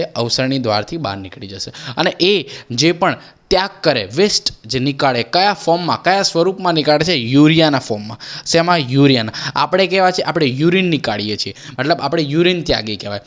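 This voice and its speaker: A man's voice: on the high side, fairly bright tone. A young man with a Gujarati accent teaching an exam-prep biology lesson, asking questions and answering them himself, repeating each key term. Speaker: biology tutor.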